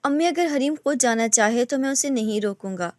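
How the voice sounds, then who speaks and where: A woman voicing a possessive young husband who speaks softly and pleads, in a storybook reading. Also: fairly high pitch, lively intonation, no room sound, studio quality, natural voice. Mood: pleading. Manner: soft, quietly pleading.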